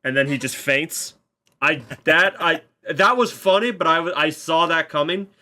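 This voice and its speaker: Male guest, bright forceful tone, eager and stumbling, curses freely. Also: a little high, normal speed. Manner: enthusiastic, stumbling restarts, swears a lot. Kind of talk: casual spoiler chat.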